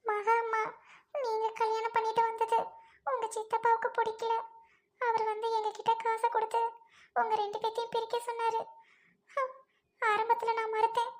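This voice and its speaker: A woman doing a very high, flat-voiced tearful young maid. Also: moderate pace, pauses often. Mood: tearful confession. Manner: tearful confessing. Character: young woman servant, guilt-ridden and pleading. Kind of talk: melodramatic serial acting.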